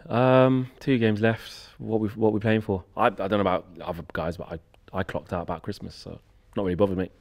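A man's voice: on the low side, brisk, vocal fry, few pauses, voice pushed down. A man playing a bored, checked-out male footballer who mumbles through an interview. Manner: flat, indifferent, mumbling.

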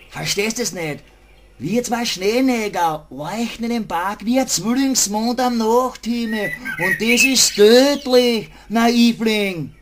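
A man's voice: high-pitched, a bit bright, a little hiss or hum. A man voicing a cocky, insulting male lab rat with a Viennese accent, talking in a sneering, bossy way.

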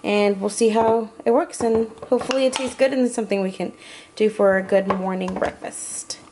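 Chatty and a little unsure, a vlogger walks through her meal prep in a home kitchen, correcting herself often. Her medium-pitched voice stays steady at a moderate pace. Background noise is present.

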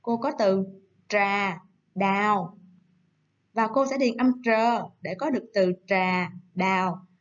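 A woman teacher giving a recorded lesson to young children, coaxing and gentle, slowing down to read words aloud. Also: medium pitch, muffled recording. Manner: gentle, coaxing, slow syllable-by-syllable dictation. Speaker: primary school teacher.

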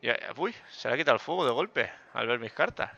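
A man giving joking, self-mocking commentary over a poker game, with bursts of loud excitement. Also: medium pitch, fast talker, gravelly, no room sound, lo-fi sound. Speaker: gaming youtuber.

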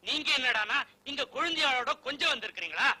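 An actor playing a loud, blustering older father-in-law who shouts and threatens. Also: very high voice, expressive, quick pace, exaggerated voice, low-quality recording. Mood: threatening.

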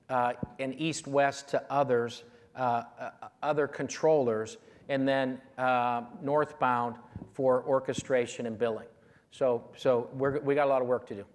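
A man in his fifties, a keynote speaker, answering audience questions with measured confidence and frequent fillers on a large conference stage, on a lapel mic. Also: medium pitch.

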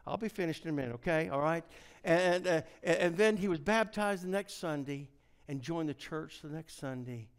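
A middle-aged man preaches a revival sermon in a fairly high-pitched voice. He tells homespun stories, sinks to hushed near-whispers, then climbs into loud, shouted peaks. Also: normal speed, hardly any pauses, smooth. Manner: folksy storytelling preacher.

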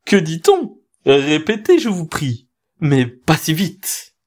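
A man voicing a vain, pompous male owl in a storybook tale, speaking in a drawn-out, wheedling way. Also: on the high side, huge pitch swings, a little mellow, pitched above the performer's own voice, exaggerated voice.

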